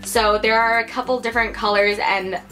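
A young woman from the United States talks straight to the camera in a casual beauty haul, chatty and upbeat. Her voice sits a little high and sounds bright and crisp, with soft music playing faintly behind her. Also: fairly even intonation, brisk. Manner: chatty and upbeat, lots of "like" and "you guys". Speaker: beauty vlogger. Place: her room indoors.

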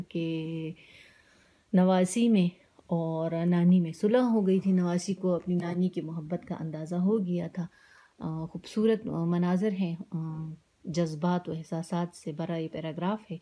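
Reading a story to her class, a teacher with a fairly low, dark voice and a Pakistani Urdu accent stops after lines to explain words through simple synonyms. She keeps checking in with students, asking "ٹھیک ہے نا".

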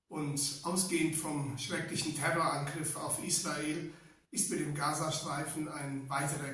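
A man in his sixties with a slightly hoarse, congested voice delivers a prepared, formal address to citizens in a measured way. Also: a little high, a bit bright. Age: 60s. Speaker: town official giving a holiday address. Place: small indoor office room. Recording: echoey room, distant microphone.

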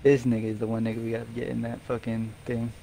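A man's voice: medium pitch, level tone, fast talker, gravelly, warm tone, a little hiss or hum, rough recording. A young man in a gaming voice chat, teasing his friends with slang and laughing often.

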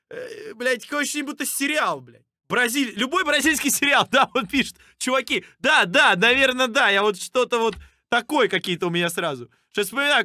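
A man casually commentating on a livestream as a streamer, halting and swearing often, with a teasing streak. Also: high-pitched, bright, forceful tone, no echo, clean studio sound. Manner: halting, profanity-laced, teasing. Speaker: streamer reacting to rap battles. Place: indoor room at a streaming desk.

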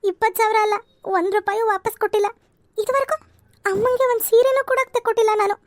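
A regretful young sister from a cartoon serial, voiced by a woman, with a very high voice. She rambles in a fretful way. The sound is dry and close. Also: fairly even intonation, fast talker, no echo.

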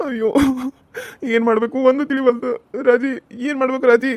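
A woman's voice: high voice, steady tone, a little fast, no room sound, dull audio, lightly acted. A woman voicing a meek, desperate young male farmer in a cartoon serial, pleading and helpless. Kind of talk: cartoon voice acting.

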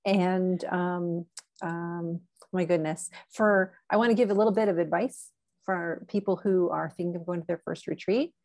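A woman's voice: lowish voice, steady tone, moderate pace, a little mellow, no echo. A woman chatting as a guest on a podcast, talkative and giggly, with lots of ums and likes. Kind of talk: casual conversational interview.

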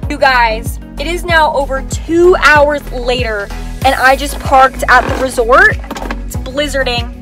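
Bubbly high-voiced young woman vlogger. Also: a little slow, over music. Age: young adult. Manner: bubbly and excitable, laughs often. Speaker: vlogger host. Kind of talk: casual vlog chat.

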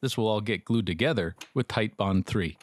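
Over a music bed, this middle-aged man delivers scripted voice-over for a metalworking tutorial, dry and factual with the occasional wry remark. He's an instructor with a lowish, brisk voice.

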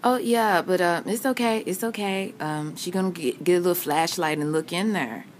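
Low female voice, soothing caregiver who repeats herself, faint room noise. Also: moderate pace. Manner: reassuring, coaxing, repeats phrases. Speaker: caregiver filming the patient. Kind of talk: soothing casual chat. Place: small hospital room, behind a handheld phone.

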